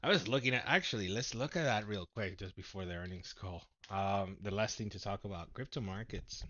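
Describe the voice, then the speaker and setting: A man hosting a casual stock market livestream, animated and laughing, swinging from low mumbles to loud exclamations. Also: fairly quick, dull audio.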